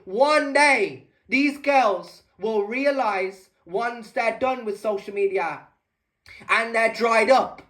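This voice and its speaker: A vlogger who is losing his voice delivers a heated rant, emphatic and repetitive, repeating phrases and swearing often. His voice is extremely high-pitched with a fairly bright tone.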